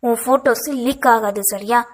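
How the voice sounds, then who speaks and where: A woman narrator voicing a bold, bossy young woman who presses hard with brisk, insistent questions. Her tone sits a little high, and the storybook reading stays light and quick. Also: steady tone, lightly acted.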